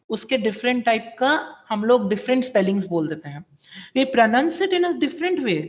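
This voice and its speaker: A man teaching an online vocabulary class, mixing Hindi and English, spelling words out and quizzing his students. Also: extremely high pitch. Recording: dull lo-fi audio.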